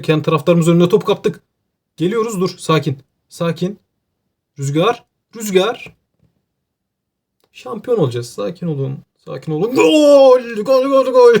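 A gaming YouTuber with an Aegean Turkish accent and a voice on the high side gives casual, joking gameplay commentary. He's excitable and talks to himself.

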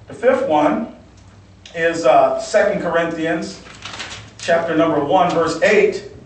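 A man's voice: on the high side, takes it slowly, slight background noise. A male pastor teaching from the Bible in a sermon, repeating key phrases and checking in with "okay?". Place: church sanctuary. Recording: echoey church hall from far off.

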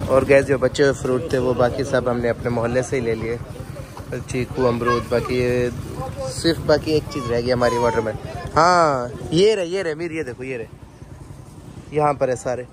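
A man's voice: medium pitch, fairly even intonation, moderate pace, a crowd in the background. A man hosting a casual family vlog, chatting to his viewers as guys and teasing the children with him while out at the shops. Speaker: family vlogger. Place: out and about at shops and a market.

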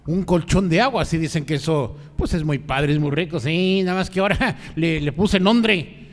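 A man's voice: on the high side, moderate pace, close to an everyday voice. A man putting on a bawdy, boastful old grandfather character for a stand-up comedy double act, with long live-venue reverb. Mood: bawdy boasting. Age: older. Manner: bawdy, boastful punchline delivery. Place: stage or restaurant venue.

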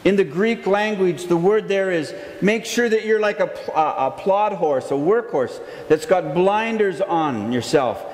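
A man in his forties, a pastor preaching a sermon from the pulpit in slow, emphatic phrases. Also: high-pitched, expressive. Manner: earnest, gestures a lot, slow emphatic phrases. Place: church sanctuary, indoors. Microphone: pulpit mic, far camera. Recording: echoey sanctuary with long reverb, faint hiss.

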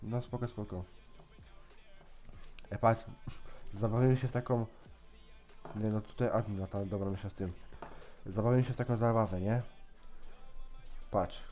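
A man's voice: fairly low pitch, fairly even intonation, normal speed, long pauses, dark tone, faint music behind. A man chatting casually while gaming, teasing and pranking another player as a YouTuber. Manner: teasing, joking, playfully mocking.

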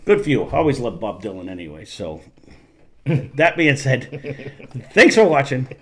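A man co-hosting a casual whiskey tasting chat, talking haltingly, repeating words and sounding enthusiastic about the bottle. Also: mid-range voice, sing-song, a bit bright. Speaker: whiskey review show co-host.

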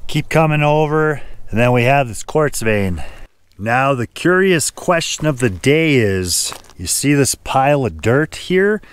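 A man's voice: medium pitch, expressive, measured pace, clean tone, no room sound. A man narrating his own outdoor prospecting vlog at an abandoned mine, thinking aloud and pointing things out as he goes. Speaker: gold prospecting vlogger.

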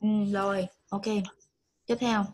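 A woman's voice: mid-range voice, steady tone, slow, slight background noise, poor audio. A woman, teaching an online English lesson over a video call, patiently coaxing and repeating prompts.

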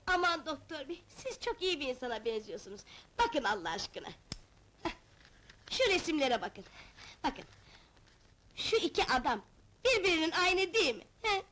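An actress playing a stubborn, hot-tempered middle-aged wife who scolds, shouts insults and cackles. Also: female voice, high-pitched, sing-song, moderate pace, pauses often, a little hiss or hum. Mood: pleading.

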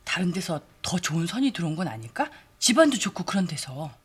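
Cheeky young woman, TV family drama, slightly low husky voice, casual, familiar, scheming. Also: big pitch swings, brisk, full character voice. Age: young adult. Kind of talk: Korean TV family drama acting.

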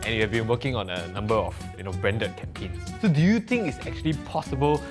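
A man's voice: fairly low pitch, lively intonation, fast. A young man with a Singaporean accent hosting a casual comedic interview, bantering playfully in Singlish. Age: young adult. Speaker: comedic interviewer, show host. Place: indoor office studio set. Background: background music.

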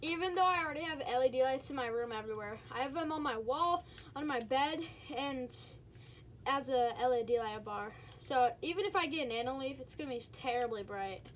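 A high-pitched female gamer talks her viewers through a match in a loose, chatty way. She bursts into quick exclamations as things happen on screen, and her voice sits well above the usual range. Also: slight background noise. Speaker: gaming streamer. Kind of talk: casual gameplay commentary.

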